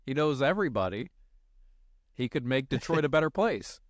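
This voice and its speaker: A man's voice: mid-range voice, big pitch swings, moderate pace, no room sound, clean studio sound. A man co-hosting a podcast, joking, swearing freely and pressing his point in casual chat. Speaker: podcast co-host.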